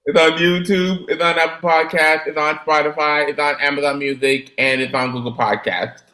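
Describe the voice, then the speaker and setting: Bright-voiced man reading a news item. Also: a little high, steady tone, moderate pace, reverberant, low-quality recording. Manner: reads with stumbles and self-corrections. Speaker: podcast co-host presenting topics.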